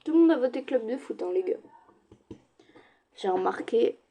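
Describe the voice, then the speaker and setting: Girl streamer chatting thru a game, dark mellow voice w some fry, talks to viewers. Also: a little high, expressive, normal speed. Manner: chatty, addresses viewers directly, slips into soft asides. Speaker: gaming streamer. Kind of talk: casual let's-play commentary.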